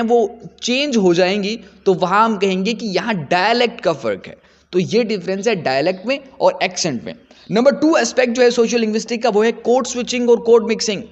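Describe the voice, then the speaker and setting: A man's voice: sits high, in a large hall, dull audio. A man giving an explanatory lecture as a teacher, repeating points for his students.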